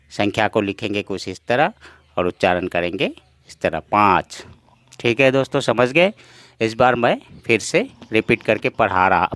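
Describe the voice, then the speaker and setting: Patient male teacher, lowish voice, repeats each point, dry close sound. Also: a bit bright, dry recording. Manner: patient, repetitive, addresses viewers as friends. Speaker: language teacher. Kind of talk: slow explanatory lesson.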